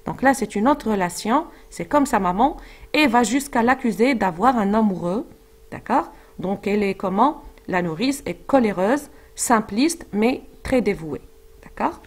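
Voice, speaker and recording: A Moroccan woman who teaches French explains a literary passage to her class, often checking in with "d'accord?" Her medium-pitched voice is animated but a little slow, and she hesitates, using fillers and restarting her sentences.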